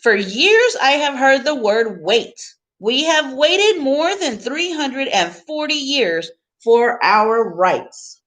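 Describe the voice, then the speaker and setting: A woman teacher reads a picture book to her students in short, deliberate phrases, adding teaching asides along the way. Her voice is high, a bit bright, with lively intonation.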